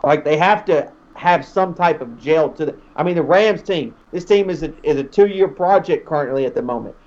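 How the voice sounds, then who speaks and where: A man's voice: a little high, normal speed, a little mellow. A married man co-hosting a live sports stream, giving rambling, opinionated takes on the game. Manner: rambling, opinionated, restarts often. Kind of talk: casual sports chat. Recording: dull lo-fi audio.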